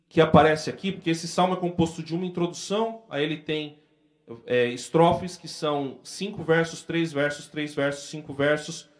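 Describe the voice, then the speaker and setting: A man with a Brazilian accent preaching a sermon as pastor, retelling scenes vividly in everyday speech. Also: on the high side.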